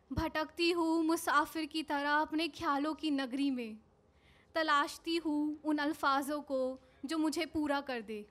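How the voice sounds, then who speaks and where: A young woman performing her own spoken word poem at an open mic, slow, soft and wistful, into a stand mic on a small cafe stage. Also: high voice. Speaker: poet. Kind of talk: spoken word poetry recital. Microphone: handheld mic on a stand.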